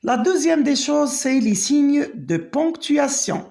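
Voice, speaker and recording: Woman teacher, slow and lively-pitched, dictates examples twice in an echoey room. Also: vocal fry. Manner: repeats each example twice, slow and deliberate. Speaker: French teacher. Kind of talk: grammar lesson explaining and dictating examples. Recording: roomy echo.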